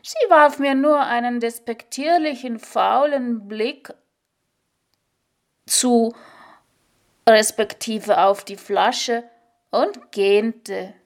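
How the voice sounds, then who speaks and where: A woman reading a literary story aloud in a measured, deliberate way. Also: fairly high pitch.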